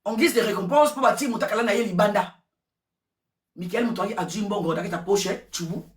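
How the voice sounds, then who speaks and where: A woman giving casual gossip commentary, repeating words and switching languages in an excitable way. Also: mid-range voice, a little fast. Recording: roomy echo, distant from mic.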